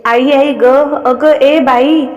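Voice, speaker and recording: A woman voicing a fussy, quick-tempered young woman friend with a scolding way of talking. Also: high voice, darkish tone, lo-fi sound, faint music behind. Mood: exasperated. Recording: long reverb.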